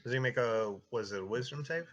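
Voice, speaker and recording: A man with a bright, forward voice runs a tabletop fantasy game. His pitch is average, and he describes scenes off the cuff in a casual, conversational storytelling manner. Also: animated, fairly quick, dull audio. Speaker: game master.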